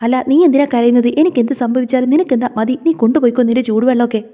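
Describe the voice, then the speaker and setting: A woman reading the lines of an angry, bedridden young husband in a serial retelling, in her own quick voice. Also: extremely high pitch, warm tone, in a large hall. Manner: resentful, lashing out.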